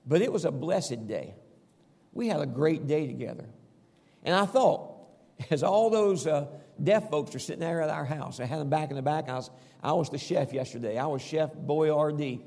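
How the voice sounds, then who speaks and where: A man's voice: a little high, lively intonation, normal speed, a little mellow, in a large hall. A man preaching a folksy sermon, reading Scripture and telling homey stories. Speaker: pastor.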